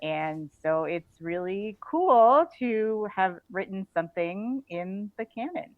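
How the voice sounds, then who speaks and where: An author on a podcast chats casually as an interview guest, phrasing her thoughts hesitantly and adding small chuckles. Her voice is medium-pitched and expressive, slow-paced with no echo. The audio is thin, like a phone call.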